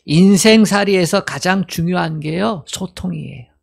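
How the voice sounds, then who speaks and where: Gravelly Korean pastor preaching. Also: male voice, sits high. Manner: asks the congregation questions and answers them; acts out quoted dialogue in a slowed voice. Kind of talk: sermon.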